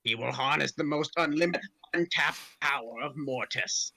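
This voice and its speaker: A man voicing a sinister old galactic emperor in a gravelly voice, making slow, ominous proclamations in an amateur script reading. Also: on the high side, sharp tone, no echo, heavily acted. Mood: grandiose. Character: sinister old Sith emperor hologram, scheming, grandly foreboding.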